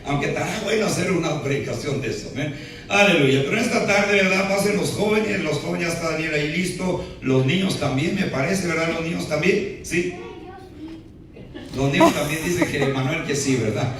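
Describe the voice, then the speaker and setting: A man's voice: fairly high pitch, animated, normal speed, a bit bright, a little hiss or hum. A pastor preaching a sermon to his congregation, often tagging his sentences with a questioning aside and joking in between. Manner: peppers speech with "¿verdad?" and playful asides. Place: church sanctuary. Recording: very echoey hall, voice from far off.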